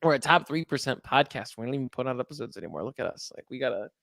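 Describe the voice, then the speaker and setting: A man's voice: mid-range voice, lively intonation, rapid-fire, vocal fry, a bit bright, no echo, clean studio sound. A man hosting a podcast in casual, rambling chat, joking and laughing often. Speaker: podcast host.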